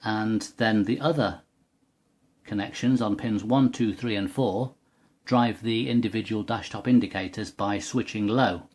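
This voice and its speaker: A fairly low-voiced man demonstrates a product in a technical tutorial, speaking off the cuff and methodically as he walks the listener through it step by step. His delivery is unhurried and a little mellow.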